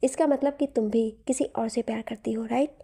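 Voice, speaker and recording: A woman's voice: on the high side, fairly even intonation, normal speed, mellow, slightly rough. Woman reading a teasing young man. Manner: playful, teasing.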